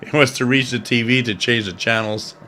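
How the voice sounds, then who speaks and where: Reading viewer comments aloud on his shortwave radio livestream, a man in his fifties rambles and jokes casually. He talks fairly quickly in a mid-range, pushed and bright voice with fairly even intonation, over slight background noise.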